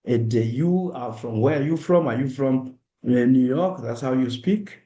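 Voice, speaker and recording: Warm-toned and medium-pitched, this middle-aged man with a Kenyan accent talks a little slowly at a diaspora awareness event. He's earnest and direct, playing out examples in the first person, in an echoey room.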